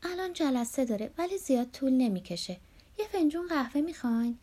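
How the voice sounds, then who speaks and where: A woman voicing a polite young female secretary in an audiobook, courteous and brisk. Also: high-pitched, animated, warm tone, voice pushed up.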